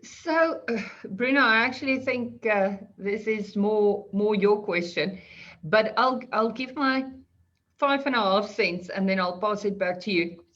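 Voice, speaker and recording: A woman's voice: mid-range voice, a little slow, fairly bright tone, dull audio. A woman speaking as an attorney panelist in an online discussion over a video call. She is chatty and self-deprecating, explaining points at length.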